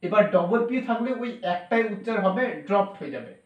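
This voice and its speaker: High-voiced man teaching in an echoey room. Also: lively intonation, fast, recorded from a distance, muffled recording. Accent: Bengali. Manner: explains step by step, spells words letter by letter with fillers. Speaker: English teacher. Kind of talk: classroom lesson on spelling and pronunciation. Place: classroom.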